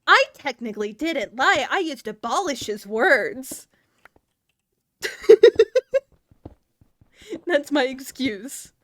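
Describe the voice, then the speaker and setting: A woman's voice: sits high, expressive, very slow, long pauses, bright, forceful tone, no room sound. A woman from the Southern United States with a Southern accent, chatting casually on a livestream. She is playful, laughs often and stumbles over her words. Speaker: streamer.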